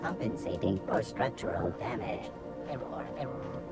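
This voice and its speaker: A glitching robot voice from a damaged ship computer, played by a man, calling out clipped, flat status alerts at an ordinary mid pitch. It sounds a little distant, with loud game music underneath. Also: moderate pace. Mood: alarmed.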